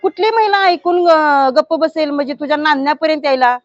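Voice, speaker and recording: A woman village head from Maharashtra speaks to news reporters in a high voice, indignant and forceful. The sound is dry and dull, a lo-fi news recording. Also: brisk, no echo. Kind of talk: statement to news media.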